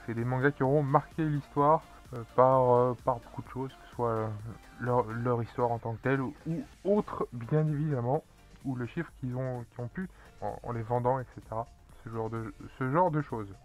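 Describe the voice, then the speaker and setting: A man's voice: medium pitch, moderate pace. A man presenting anime and manga news in a casual solo commentary, rambling with many fillers and restarts. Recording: dull lo-fi audio with faint music.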